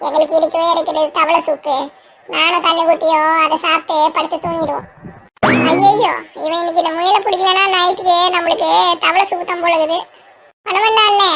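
Super high squeaky cartoon voice, village friends bickering. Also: pushed and bright, a little hiss or hum. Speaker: cartoon storyteller voicing all characters. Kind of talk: cartoon story dialogue.

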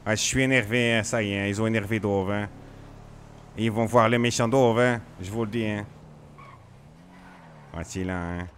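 A man's voice: lowish voice, fairly even intonation, moderate pace, long pauses, slight background noise, lightly acted. A streamer playing a touchy, grumbling man in an improvised role-play, tagging a questioning word onto nearly every phrase. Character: touchy, grumbling man who feels picked on.

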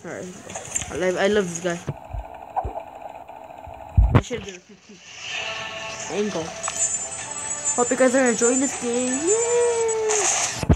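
A female gamer commentates casually over game music, talking at a slow pace. The delivery is excitable, slipping between exclamations and muttering, and R sounds come out imperfectly. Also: medium pitch, rough recording. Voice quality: difficulty saying R sounds. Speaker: gaming video maker.

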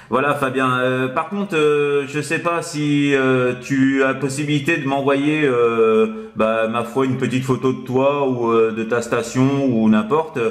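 Sitting at a radio set indoors in an apartment, a male radio operator chats casually and hesitantly over the air during a radio contact, often tagging his sentences with "hein". His voice is medium in pitch and the room sounds echoey.

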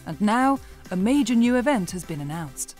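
A woman narrating a sailing news show in a measured, polished broadcast style. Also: medium pitch, sing-song, a little mellow, soft background music. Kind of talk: scripted sports news narration.

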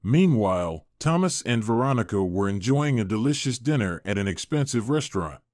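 A man narrating a dramatic story in a smooth, expressive reading style. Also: on the low side, moderate pace, dry recording, clean studio sound.

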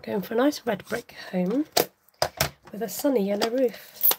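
A woman's voice: on the high side, unhurried, heavy background noise. A woman hosting a live craft tutorial, chatting casually to her viewers while she works.

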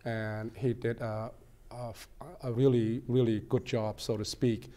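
A man in his forties, born in Cambodia, telling his story as a guest in a TV studio interview, earnest and measured with frequent ums. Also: mid-range voice, little pitch movement, dark tone. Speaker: guest, political candidate. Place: small TV studio set.

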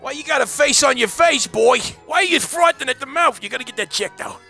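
A man voicing a brash, foul-mouthed, short-tempered raccoon bounty hunter in improvised VR role-play, with a gravelly, cartoonish voice and swaggering banter. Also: very high-pitched, expressive, fairly quick, bright, forceful tone, faint music behind, exaggerated voice. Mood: mocking. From Australia.

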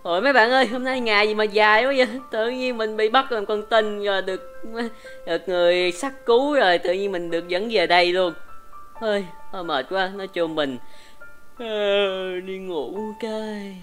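A woman's voice: medium pitch, normal speed. A woman playing an adopted kid in a Minecraft role-play, chatty and full of exclamations. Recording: game music underneath.

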